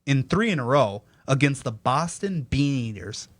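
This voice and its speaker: A man's voice: mid-range voice, expressive, moderate pace, no echo. A young man hosting a casual sports podcast, reading headlines aloud and teasing his co-hosts between items. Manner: reads news items then riffs, teasing.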